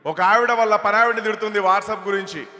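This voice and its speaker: A male comedian chatting through a lively stage comedy routine at a large event, on a handheld mic through an echoey hall PA. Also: high-pitched, brisk. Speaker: stand-up comedian and mimic.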